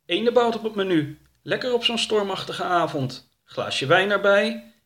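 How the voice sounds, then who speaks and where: A man voicing a naive, gentle traveller in a storybook reading, earnest and innocent. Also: sits high, lively intonation, normal speed, pitched above the performer's own voice. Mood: sarcastic.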